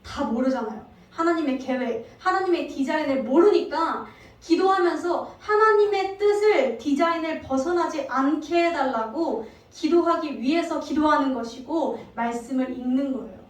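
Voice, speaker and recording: A woman evangelist giving a sermon, telling the story lively and asking the congregation many questions. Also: high-pitched, moderate pace. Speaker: evangelist preacher. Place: church sanctuary. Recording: very echoey hall, distant mic.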